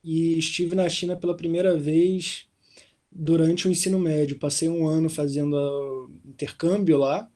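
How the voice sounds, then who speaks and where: A young man from Rio de Janeiro, answering interview questions in a relaxed way, full of little fillers. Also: on the high side, normal speed. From Rio de Janeiro, Brazil. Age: young adult. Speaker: guest, doctoral researcher. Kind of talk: conversational interview. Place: hotel room in London.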